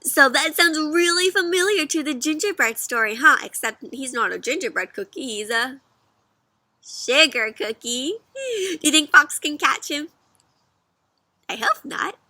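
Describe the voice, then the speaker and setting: A woman reads a children's storybook aloud, expressive and interactive, asking the listener questions. Her voice sits high and her pace is measured, with no room sound.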